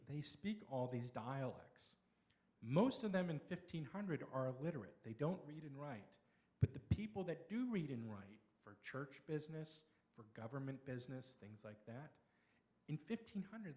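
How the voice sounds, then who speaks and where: Middle-aged lecturer, male, fairly high voice, talks through slides in a chatty, explaining way. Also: big pitch swings, dark tone. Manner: explanatory, conversational, with pauses and restarts. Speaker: local history speaker.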